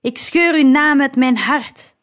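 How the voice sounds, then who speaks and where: A woman's voice: high-pitched, slow pace, voice pushed up. Een vrouw die in een luisterboek een bittere, woedende jonge man speelt die zijn vader uitschreeuwt. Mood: cold fury. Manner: shouting, harsh. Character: young man, bitter, furious, cold.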